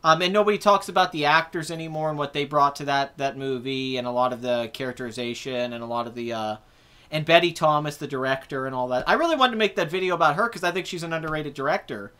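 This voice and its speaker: A man's voice: fairly high pitch, quick pace, bright, forceful tone, clean tone. A man in his twenties hosting a casual live chat about movies, rambling and correcting himself as he answers viewer comments. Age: 20s. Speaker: host.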